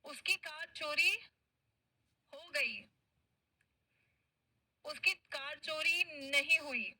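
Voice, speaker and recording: A woman teacher with an Indian English accent, a Hindi speaker, teaching a spoken English class, drawing out example sentences slowly and praising her students. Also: high-pitched, pushed and bright, no room sound, low-quality recording.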